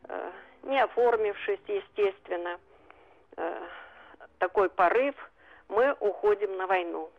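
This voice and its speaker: A woman in her seventies calls in to a radio program and tells her story earnestly and without hurry. She sounds like she is on a telephone, thin and narrow. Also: mid-range voice. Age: 70s. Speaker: radio caller. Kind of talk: phone-in recollection. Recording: phone line.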